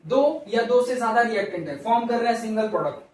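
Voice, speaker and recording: A man's voice: very high voice, animated, quick pace, slight background noise. A male science teacher lecturing at the board, repeating key terms and asking and answering his own questions. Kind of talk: classroom lecture. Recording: very echoey room, mic far off.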